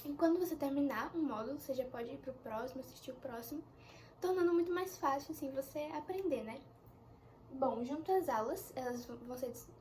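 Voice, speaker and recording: A young woman teaching an English lesson in a chatty way, explaining slowly with examples. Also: sits high, darkish tone, a little hiss or hum. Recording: echoey room with faint ambience.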